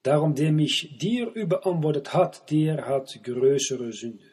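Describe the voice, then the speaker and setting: A man voicing Jesus in a scripture reading, speaking slowly and quietly. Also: on the high side, slightly rough. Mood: solemn.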